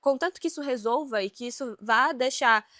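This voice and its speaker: A woman co-host chatting casually and telling stories, laughing often. Her voice sits a little high and sounds bright and sharp. The sound is dry and close. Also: brisk, no echo. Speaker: podcast co-host. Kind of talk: casual chat.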